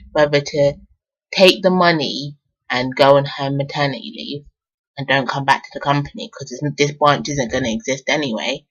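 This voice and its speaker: A woman's voice: low voice, husky. A woman telling a story from her own life in a casual vlog, laughing often and swearing freely. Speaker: vlogger. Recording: dull lo-fi sound.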